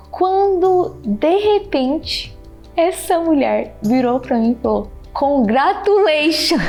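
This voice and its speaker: A woman giving a heartfelt personal testimony, animated, repeating her phrases and thanking God. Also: high voice. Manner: animated, repeats phrases, keeps addressing the listener by name; religious, thanks God openly. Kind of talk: emotional personal storytelling.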